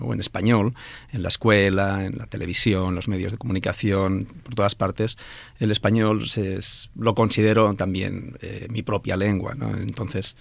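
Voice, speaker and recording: A man in his forties from Alicante speaks with a fairly low, creaky voice in a dry recording. He is a native Valencian/Catalan speaker with a Spanish accent from Spain, answering interview questions as a professor in a thoughtful way, full of hesitations.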